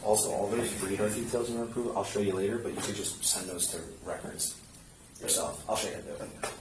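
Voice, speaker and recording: A man with a fairly low voice gives casual, hands-on instruction as a police officer. He goes step by step and checks in often. The recording is roomy and distant, with clear background noise. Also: fast. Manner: explains step by step, checking with "right?". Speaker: police officer training a colleague. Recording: roomy, noisy, distant body camera pickup.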